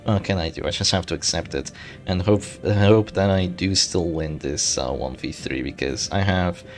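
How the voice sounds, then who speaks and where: A man's voice: low voice, normal speed, soft background music. A man giving casual live commentary on his own strategy game match, thinking aloud and correcting himself as he goes. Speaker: gaming channel host.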